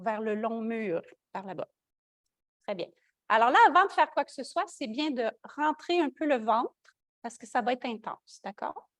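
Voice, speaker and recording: A woman with a Quebec French accent, teaching a yoga class with calm step-by-step cues and light joking asides. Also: a little high, dry recording, clean studio sound. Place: yoga studio.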